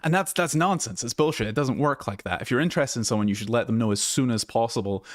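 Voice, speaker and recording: A man's voice: medium pitch, fast, no echo, clean studio sound. A man coaching listeners on dating in a casual live talk, blunt and swearing freely, often restarting his sentences. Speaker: dating and social skills coach. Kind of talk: casual live advice monologue.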